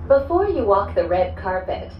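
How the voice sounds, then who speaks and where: A woman giving a polished, scripted welcome announcement, played over a loudspeaker in a ride cabin. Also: mid-range voice, sing-song, moderate pace, phone-quality sound. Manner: bright, lilting and polished. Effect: played over a loudspeaker in a gondola cabin. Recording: echoey speaker heard from a distance with ride noise.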